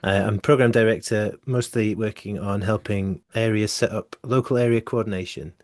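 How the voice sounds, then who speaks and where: A man co-hosting a podcast, talking in an earnest, gently teasing way and reading a scripted introduction. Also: fairly low pitch, steady tone, normal speed, no room sound, studio quality. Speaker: podcast co-host.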